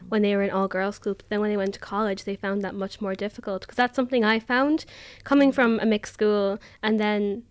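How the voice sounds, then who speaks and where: A woman's voice: medium pitch, little pitch movement, brisk, few pauses, smooth, no echo. A nineteen-year-old Irish woman, a student, chatting casually and often saying "like". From Ireland. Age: teens. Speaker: roundtable guest, student. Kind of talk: casual discussion.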